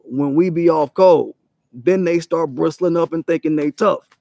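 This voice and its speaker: Male vlog host, raised voice with gravel, profane and emphatic, dead-dry close recording. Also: fairly high pitch, normal speed, dark tone, no room sound. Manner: profane, emphatic, rhetorical questions; mocks others in quoted voices. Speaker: channel host. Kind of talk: unscripted commentary monologue.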